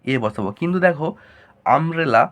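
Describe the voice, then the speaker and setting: A man teaching a grammar lesson, asking questions and answering them himself in a lower voice. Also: lively intonation, a little fast, fairly bright tone.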